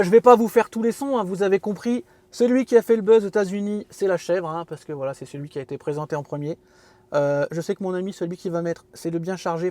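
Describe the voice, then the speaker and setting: A man's voice: high-pitched, mellow, no room sound. A man hosting a casual car walkthrough from inside his parked car, chatty and fond of self-mocking jokes. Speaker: car video host.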